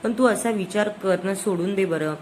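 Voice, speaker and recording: A woman's voice: medium pitch, normal speed, darkish tone, slight background noise, lightly acted. A woman voicing a tearful, protective sister-in-law in a serial recap, in a plain retelling voice. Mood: pleading.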